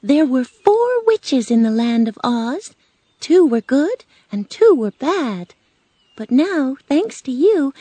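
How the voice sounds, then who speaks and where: Woman voicing a high, singsong Good Witch of the North. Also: dry recording, heavily acted. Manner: gracious, warmly reassuring. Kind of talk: storybook character voice.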